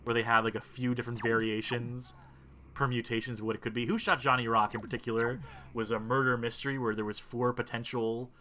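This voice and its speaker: A man's voice: medium pitch, little pitch movement, brisk, sharp tone, slight background noise. A man doing casual gameplay commentary with wry, folksy asides. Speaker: video game streamer. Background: game music and sound.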